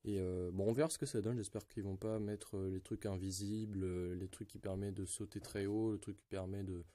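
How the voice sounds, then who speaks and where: A man's voice: low-pitched, steady tone, brisk, mellow, no room sound. A man talking casually about video games, rambling with many fillers and restarts. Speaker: gaming YouTuber. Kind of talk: casual gaming commentary.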